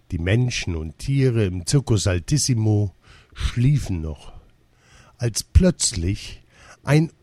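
Ein Mann, der ein Kinderbuch als Hörbuch ausdrucksvoll und gemessen vorliest. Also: male voice, fairly low pitch, dry recording. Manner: expressive, measured storytelling. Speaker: audiobook narrator. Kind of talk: children's story narration.

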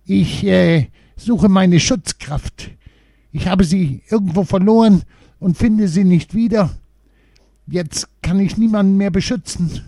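A man's voice: high voice, takes it slowly, gravelly, mellow, no echo, studio quality, voice pushed up, full character voice. A man voicing a tiny, timid male protection dwarf in a storybook reading, stammering and hesitant. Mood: sad.

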